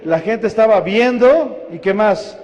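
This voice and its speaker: A man's voice: high-pitched, measured pace, a little mellow, big-room sound, lo-fi sound. A man with a Mexican Spanish accent preaching a sermon as pastor, putting questions to the congregation and answering them himself. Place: church hall.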